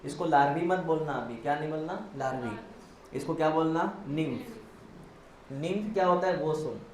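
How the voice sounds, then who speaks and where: Male biology teacher, slightly high voice, quizzing lecture style, echoey classroom with faint noise. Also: moderate pace. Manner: explains step by step, quizzing students and answering himself; mixes Hindi with English terms, spells words out.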